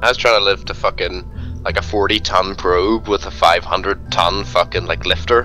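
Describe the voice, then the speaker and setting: A man's voice: low-pitched, fairly even intonation, moderate pace, sharp tone, faint music behind. A man chatting casually while playing a game, joking and swearing a lot. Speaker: gaming channel co-host. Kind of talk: casual gaming chat.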